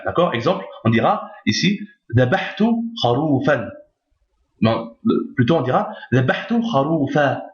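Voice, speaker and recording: A man at a middle pitch gives a recorded lesson, patient and methodical. He repeats every point and keeps checking that his listeners are following. The sound is roomy and echoey, with a dull, lo-fi tone. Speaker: teacher. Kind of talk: recorded lesson on reading Arabic.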